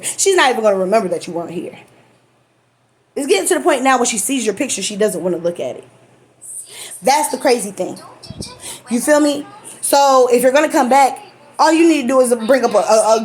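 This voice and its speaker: A woman's voice: a little high, a little hiss or hum. A woman telling a personal story to camera in a blunt, profane, casual way, laughing often.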